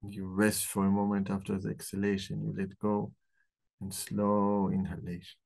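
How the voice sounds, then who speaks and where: A man hosting a live book club, talking about the book and then slowly leading a guided meditation in a soft, calm voice. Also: on the low side, gravelly. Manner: slow, soft-spoken guiding voice. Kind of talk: live talk.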